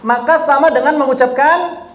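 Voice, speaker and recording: High-voiced man teaching Quran recitation. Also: fairly bright tone, roomy sound. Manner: drills slow example phrases for students to repeat; corrective, explains then demonstrates. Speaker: tajwid teacher.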